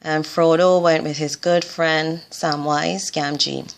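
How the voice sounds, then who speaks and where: A woman's voice: low-pitched, level tone, slow, creaky, slight background noise. A woman in her forties, a doctor encouraging foreign medical graduates in an earnest motivational vlog, often repeating her phrases for emphasis.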